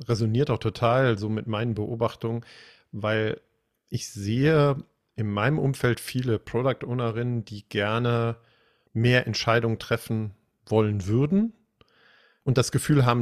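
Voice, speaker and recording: A man hosting a podcast interview, talking in long reflective sentences. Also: mid-range voice. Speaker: podcast host.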